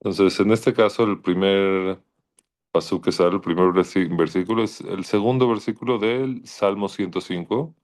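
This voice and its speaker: Deep-voiced man teaching Torah. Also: normal speed, a little mellow. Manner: thoughtful, searching, with frequent restarts and quoted Hebrew verses. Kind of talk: informal Torah lesson.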